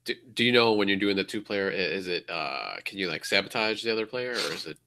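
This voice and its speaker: Gravelly low man asking halting questions. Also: lively intonation, pushed and bright. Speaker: podcast co-host. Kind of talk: casual gaming chat.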